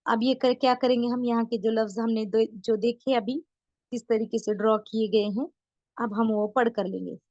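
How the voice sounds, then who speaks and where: A woman teaching an online beginner Urdu writing lesson, patient, repeating words slowly and often checking that her students follow. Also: fairly high pitch, steady tone, a little mellow, no echo, lo-fi sound. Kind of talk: online beginner lesson, explaining letters step by step.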